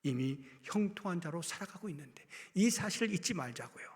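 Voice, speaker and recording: A man preaching a sermon as pastor, swinging from loud emphasis to hushed, almost whispered lines. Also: fairly high pitch, expressive, fairly quick. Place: church sanctuary. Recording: long reverb of a church hall.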